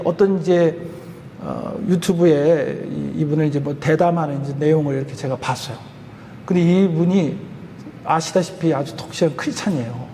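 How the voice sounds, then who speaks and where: Male pastor, high voice, lively storytelling sermon, church reverb with faint hiss. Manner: chatty, animated storytelling with laughs. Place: church sanctuary.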